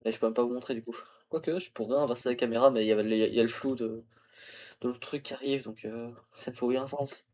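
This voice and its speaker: A man's voice: medium pitch, steady tone, quick pace, a little mellow. Tired young man rambling on a stream. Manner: rambling, tired, self-talk with fillers and laughs. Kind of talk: casual gaming livestream chat. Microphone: phone used as camera.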